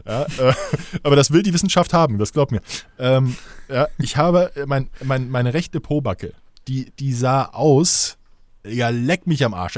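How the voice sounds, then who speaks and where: A man hosts a casual podcast, spinning a playful, rambling anecdote with comic asides. His voice sits at a normal male pitch. The room sounds dry and close. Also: no echo. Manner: joking storyteller, playful and rambling. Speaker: podcast co-host.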